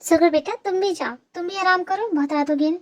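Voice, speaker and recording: A woman's voice: extremely high pitch, brisk, a little mellow, dull audio, pitched above the performer's own voice. A woman doing a fussy doting mom. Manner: scolding, fussing. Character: fussy doting middle-aged mother. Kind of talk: amateur fan dub.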